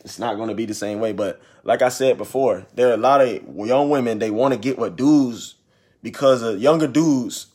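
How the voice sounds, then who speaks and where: A man's voice: medium pitch, normal speed, a little mellow, husky. A man in his twenties giving preachy relationship advice in a casual monologue, repeating phrases for emphasis. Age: 20s. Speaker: ministry vlogger.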